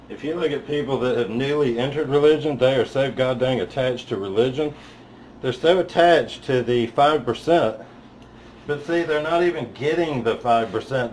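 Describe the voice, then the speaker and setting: A man in the middle of a live spiritual talk in an auditorium, with an ordinary pitch for a man. He talks bluntly and curses freely as he makes his points. His voice swells to loud, emphatic peaks and then sinks back to low, quiet stretches. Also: reverberant, slight background noise, low-quality recording. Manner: blunt and profane, swearing freely. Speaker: spiritual teacher. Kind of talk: live motivational talk to an audience.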